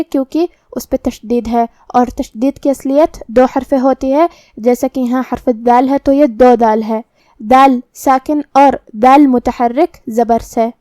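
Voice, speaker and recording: A woman teaching Quran recitation, explaining the sounds of each letter slowly and methodically. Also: high voice, darkish tone, no echo, studio quality. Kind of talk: tajweed lesson with slow recitation.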